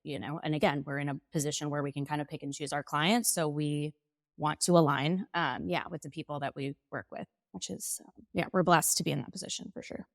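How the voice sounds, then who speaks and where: A woman who co-owns a business, speaking in a measured, reflective way as an interview guest, often checking in with "you know" and "right?". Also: low-pitched, fairly even intonation, vocal fry, no room sound. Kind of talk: casual conversational interview.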